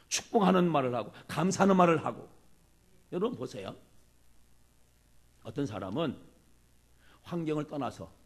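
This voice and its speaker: A man preaching a sermon as a pastor, animated and acting out the people he quotes. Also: on the high side. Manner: animated, acts out quoted speech.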